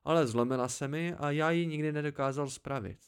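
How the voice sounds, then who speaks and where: A man's voice: fairly high pitch, smooth, close to an everyday voice. A man voicing an eager, impatient young man in an amateur audiobook reading, asking plain questions.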